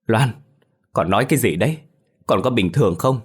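A man's voice: mid-range voice, expressive, fairly quick, breathy edge, voice pushed up. A man voicing a middle-aged mother who begs tearfully for her family in an audio ghost story. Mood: shocked. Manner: begging, weeping.

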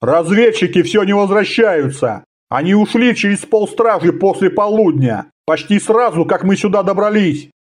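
A man's voice: high voice, expressive, normal speed, voice pushed up. A man voicing a blunt, impatient legion officer in an audiobook, somewhat raised above his own voice. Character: gruff worried middle-aged male legion officer.

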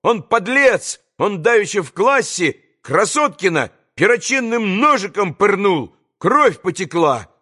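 A man's voice: high-pitched, sing-song, measured pace, hardly any pauses, sharp tone, breathy edge, voice pushed up, heavily acted. A man voicing an angry young boy in a red shirt, with an irritated childish voice.

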